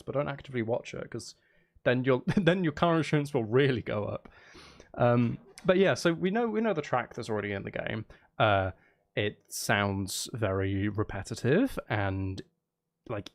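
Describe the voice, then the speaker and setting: A man with a creaky, medium-pitched voice chats casually with viewers on a livestream while he works. He's a live streamer who makes music and games, and he rambles playfully, cutting himself off and repeating phrases.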